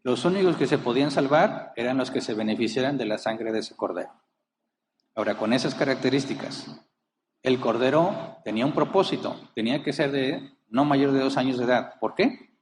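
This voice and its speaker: A man's voice: medium pitch, brisk, background noise. Man preaching with emphasis in a reverberant church. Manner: emphatic preaching that rises and falls, with rhetorical questions. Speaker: pastor. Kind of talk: sermon.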